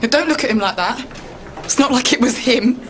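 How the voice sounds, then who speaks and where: An actress playing a shaken, hesitant crime victim in a TV drama. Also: female voice, on the high side, a little fast, a bit bright, slight background noise, close to an everyday voice. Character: shaken, hesitant woman defending her ex. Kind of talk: British TV police drama acting.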